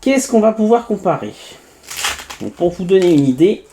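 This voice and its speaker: A man's voice: high voice, very animated, normal speed, warm tone, slight background noise. A man from France hosting a casual unboxing review, chatty and full of hesitations and little asides as he narrates each step. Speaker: tech reviewer.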